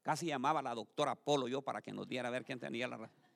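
A man preaching a sermon to his congregation, speaking to them directly, asking them to repeat after him and building to loud emphatic peaks. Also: medium pitch, rapid-fire, creaky. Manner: addresses congregation directly, calls for repetition. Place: church. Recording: long reverb of a hall.

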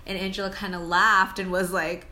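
A woman's voice: medium pitch, little pitch movement, a little fast, sharp tone, echoey room. A young woman co-hosting a casual podcast, rambling and hesitant with many fillers. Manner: rambling, hesitant, lots of likes. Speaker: podcast co-host. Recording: faint background noise.

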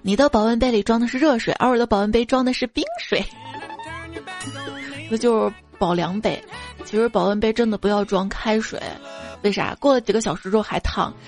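Playful high-voiced woman reading jokes. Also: fairly even intonation, brisk, a little mellow, faint music behind. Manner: playful, acts out quoted voices. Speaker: radio show host.

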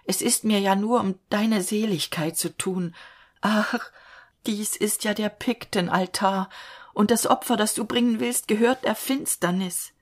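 A woman's voice: medium pitch, fairly even intonation, a little slow, natural voice. A woman voicing a desperate young male fisherman who begs his friend in anguish. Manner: anguished, imploring.

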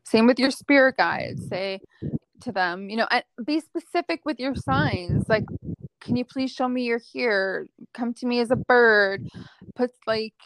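A young adult woman, a psychic medium guest, chatting casually and acting out the dialogue in her stories with lively energy. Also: fairly high pitch, a little slow, no echo. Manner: lively, acts out quoted dialogue. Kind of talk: casual storytelling chat.

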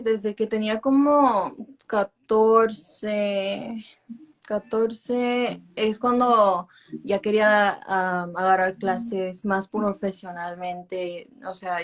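Young woman chatting in casual Spanglish. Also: medium pitch. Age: 20s. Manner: Spanglish, drops English filler words into Spanish. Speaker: urban music singer being interviewed. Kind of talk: casual interview chat.

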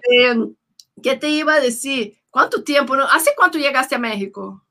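Bubbly high-voiced Mexican woman host. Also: moderate pace. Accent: Mexican Spanish. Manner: bubbly, laughing, animated. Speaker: show host. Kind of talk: casual interview chat.

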